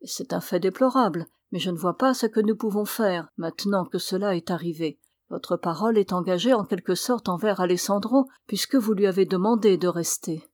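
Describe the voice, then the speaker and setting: A woman reading aloud voices a cool, controlling elderly mother in an audiobook. She speaks in a calm, measured, quietly persuasive way, at a middle pitch. The recording is close and dry. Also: no echo, close to an everyday voice. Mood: coolly persuasive.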